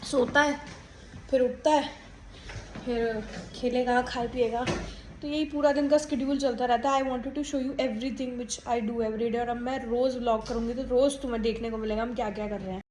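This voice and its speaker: Chatty young mom vlogging at home. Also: female voice, darkish tone. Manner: chatty, switches to high sing-song voice with her child. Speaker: vlogger, mother. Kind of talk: casual vlog talk mixing English. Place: home kitchen. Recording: echoey room with faint household noise.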